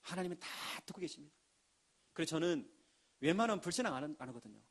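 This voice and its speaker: High-voiced man preaching an emphatic sermon. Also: sing-song, fast. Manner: emphatic preaching with acted quotes. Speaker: pastor.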